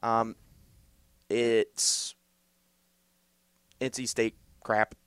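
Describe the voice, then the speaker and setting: A young man co-hosts a college sports podcast, rambling through animated takes. His voice is mid-pitched for a man. The sound is dry and close to the mic. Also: very slow, clean tone, no room sound. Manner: rambling, animated, with fillers and restarts. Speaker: sports talk co-host.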